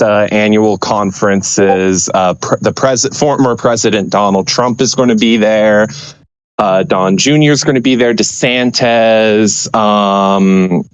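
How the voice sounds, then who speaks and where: A man's voice: on the low side, clear, resonant tone, dry recording. A man talking on his phone outdoors at night, bluntly teasing his friend and swearing a lot. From Florida. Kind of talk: casual podcast chat. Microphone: phone on mobile data.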